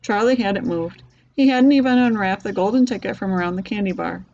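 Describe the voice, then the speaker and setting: A woman's voice: medium pitch, brisk, darkish tone, dull audio, a little hiss or hum. A woman reading a children's book aloud, voicing the characters lightly. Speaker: reader. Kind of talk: storybook read-aloud.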